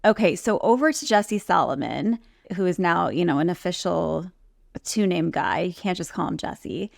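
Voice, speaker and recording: A woman with a creaky edge to her voice, recorded close and dry, co-hosts a reality TV recap. She talks casually and conversationally, retelling who said what. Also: fairly low pitch, expressive, normal speed, no room sound. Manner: conversational, acts out quotes in reported speech. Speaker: podcast co-host recapping reality TV. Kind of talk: casual chat, TV recap commentary.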